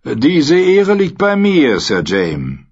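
A man's voice: a little high, huge pitch swings, takes it slowly, husky, voice pushed up, heavily acted. A man voicing a gaunt, ragged male mercenary leader with a sly, mock-polite manner. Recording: dull lo-fi recording.

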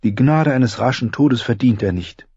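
A man voicing a careful, flattering young noble girl in an audiobook reading. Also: mid-range voice, normal speed, breathy edge, dry recording, muffled recording, pitched above the performer's own voice.

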